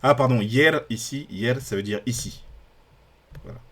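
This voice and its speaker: A man hosting a live stream, thinking aloud with many fillers and pauses, sounding out foreign words slowly and loudly, then trailing off quietly. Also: medium pitch. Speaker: podcast host.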